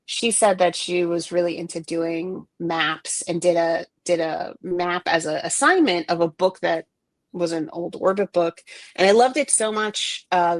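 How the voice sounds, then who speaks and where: A woman's voice: lowish voice, no room sound. A middle-aged woman chatting casually as an art director guest, rambling with lots of fillers and restarts. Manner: rambling, many fillers and restarts, quick bursts. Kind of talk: casual interview chat.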